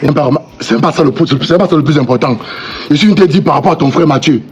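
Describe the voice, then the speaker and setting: An actor with a Cameroonian French accent playing an indignant man accused of flirting, who protests loudly and repeats himself. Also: a little high, fast, natural voice. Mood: outraged. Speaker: actor in a comedy sketch. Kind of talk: comic sketch acting.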